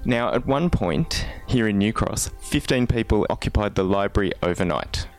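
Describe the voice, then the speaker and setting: A male co-presenter tells a story in a casual style. His voice is fairly low, and his intonation swoops up and down a lot. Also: lively intonation, normal speed, soft background music.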